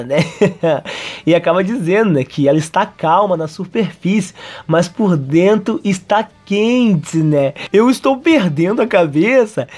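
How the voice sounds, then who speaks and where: A man, an anime and manga reviewer, recapping a chapter in an excitable way and laughing often. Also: on the high side.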